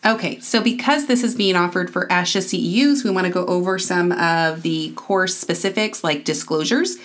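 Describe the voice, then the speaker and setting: A woman co-hosting a podcast in a playful, joking way, quick to laugh. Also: fairly low pitch. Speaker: podcast co-host. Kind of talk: casual podcast chat.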